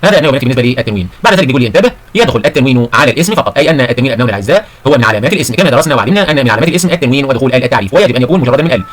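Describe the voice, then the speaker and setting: A man's voice: mid-range voice, animated, racing, few pauses. A man teaching a grammar lesson to children, calling them his sons and daughters and explaining each point step by step. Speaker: Arabic teacher.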